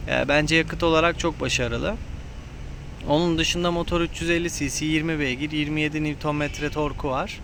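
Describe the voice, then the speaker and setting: A man's voice: on the high side, steady tone, normal speed, noisy background. A man giving a casual, unscripted motorcycle review from inside a helmet, explaining things a little hesitantly. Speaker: motovlogger reviewing his motorcycle.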